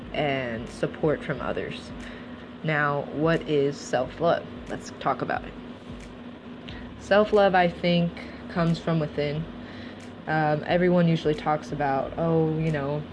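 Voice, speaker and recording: Deep-voiced and steady, a twentysomething podcast host from Russia muses earnestly and thoughtfully about her own life in a monologue format. Background noise is noticeable.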